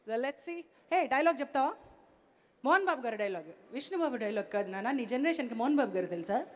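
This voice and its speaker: A woman hosts a live event on a handheld mic, talking to the crowd in a playful, lively way. Her voice is high. The sound carries a long reverb from a large hall. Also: fast. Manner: lively, playful, mixes English phrases into her talk. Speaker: event anchor. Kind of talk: live stage hosting. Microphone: handheld stage mic.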